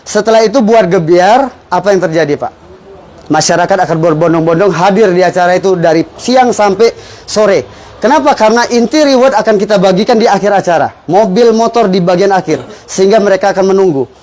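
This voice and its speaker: A man giving an informal motivational business pitch, persuasively explaining and punctuating his points with rhetorical questions. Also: a little fast, darkish tone. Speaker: business presenter explaining a fertilizer sales strategy.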